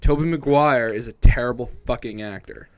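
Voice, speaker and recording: A man talks in a plain, middle-pitched voice, blunt and opinionated, swearing freely as he rants. He is co-hosting a casual chat over a remote call. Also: moderate pace. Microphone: remote call with a mute button.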